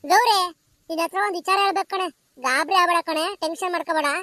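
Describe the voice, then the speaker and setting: A woman voicing a scolding, gossiping village grandmother in a cartoon, talking in a fast, nagging, dramatic way. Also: very high-pitched, sharp tone, no echo, clean studio sound.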